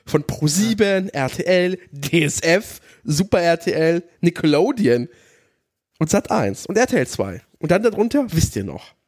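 A man's voice: a little high, sing-song, moderate pace. A man in casual chat as a podcast co-host, with a teasing way of talking.

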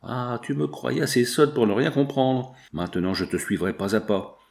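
A man's voice: medium pitch, animated, normal speed, creaky, a little mellow. A man voicing a delirious young woman thief who shrills her accusations in an audiobook reading. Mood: frenzied accusing.

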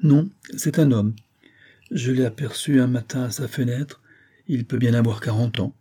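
A man's voice: medium pitch, moderate pace, dark tone, husky, voice pushed up, lightly acted. A man voicing a cheeky, curious young apprentice printer who chatters and gossips in an audiobook reading. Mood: gossiping.

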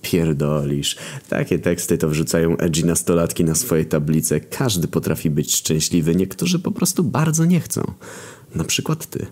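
A man voicing a skeletal male ferryman of the dead who talks calmly, dryly and bluntly. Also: rumbling low, normal speed.

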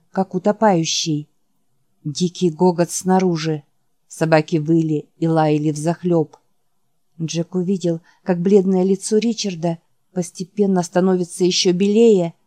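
Low-voiced woman reading an audiobook. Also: warm tone, no echo. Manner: measured dramatic reading. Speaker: audiobook narrator. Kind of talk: scripted audiobook narration.

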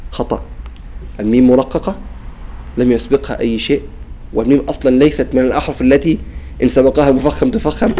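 Guy teaching tajweed class, mellow warm voice, keeps asking the students if it's clear. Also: on the high side, rough recording. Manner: explains and asks "clear?" often, demonstrates pronunciations. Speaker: Quran recitation teacher.

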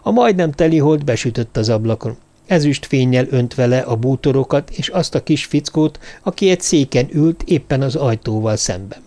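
A man reading a thriller novel aloud as an audiobook narrator, calm and measured. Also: medium pitch. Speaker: audiobook reader. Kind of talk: scripted narration.

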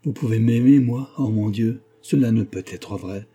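A man voicing an anguished middle-aged gentleman in love, reading him passionately and pleadingly in an audiobook. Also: on the low side, normal speed, lightly acted.

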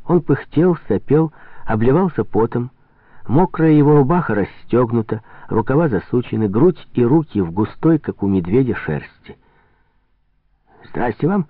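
A man reading a novel aloud as an audiobook narrator, expressive and measured. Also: mid-range voice, no room sound. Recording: tinny phone-like sound, dry.

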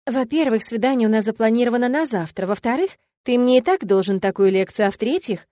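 A woman's voice: a little high, animated, dark tone, dry recording, natural voice. Woman reading as a prim, indignant young witch. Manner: indignant, brisk. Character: prim, curious young witch, quick to bristle. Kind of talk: audiobook character reading.

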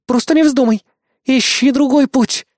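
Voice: mid-range voice, fairly quick, darkish tone, no echo, pitched above the performer's own voice, lightly acted. A reader voicing Eris, a blunt, sarcastic female assistant who scolds and mocks in a raised voice in a dry-sounding storybook reading. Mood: exasperated. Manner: scolding, mocking.

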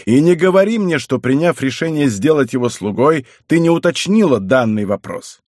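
A man's voice: fairly high pitch, expressive, normal speed, darkish tone, no room sound, clean studio sound, pitched above the performer's own voice. A man doing a bitter old clan head. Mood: threatening.

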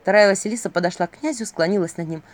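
A woman narrating a fairy tale as an audiobook reader, with an expressive reading. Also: mid-range voice, rapid-fire.

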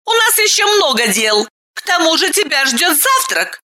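A woman's voice: high voice, sing-song, moderate pace, voice pushed up, heavily acted. Shrieking haughty young woman. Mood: bossy. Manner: squealing, shouting, scolding. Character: shrill, excitable young woman, haughty and breathless.

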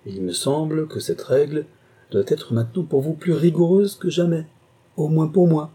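Gentle young woman, earnest and measured, voiced by a man; raised pitch, dark husky grain.

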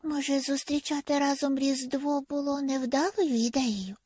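A woman narrating a first-person audiobook in a soft, intimate manner that often drops to a half-whisper. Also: high-pitched, steady tone, moderate pace, dry recording.

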